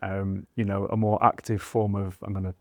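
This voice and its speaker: A male meditation teacher in conversation. He lays out his points one at a time in a measured way. His voice sits a little low, and the recording is dry with no room sound. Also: level tone, a little mellow, no room sound. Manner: measured, deliberate explaining. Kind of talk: conversational discussion.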